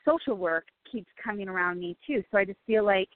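A woman's voice: mid-range voice, brisk, no echo, phone-quality sound. A middle-aged woman calling in for guidance, talking casually and a little unsurely. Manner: hesitant, unsure. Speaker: caller seeking guidance. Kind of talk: casual call-in conversation.

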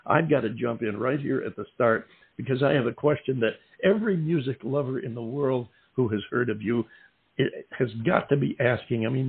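A radio show host who has lived in Southern California interviews a musician over a phone line, and the audio sounds tinny. His voice is medium-pitched, creaky and slightly rough. He speaks formally and courteously, asking long, winding questions.

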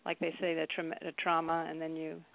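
A woman's voice: deep voice, completely flat delivery, creaky. Rambling woman in her fifties on a phone line. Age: 50s. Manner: rambling, halting restarts. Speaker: caller. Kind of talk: casual phone chat.

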